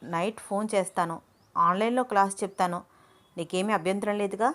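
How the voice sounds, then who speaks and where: A woman's voice: medium pitch, steady tone, brisk, fairly bright tone, natural voice. Woman voicing a teasing young male tutor.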